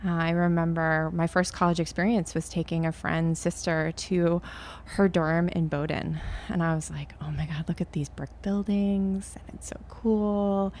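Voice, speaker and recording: A middle-aged woman from Maine talks as a podcast guest, chatty and quick to poke fun at herself. Her voice sits on the low side, with a faint hiss under the recording. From Maine, USA. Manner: self-deprecating, chatty. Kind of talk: conversational interview.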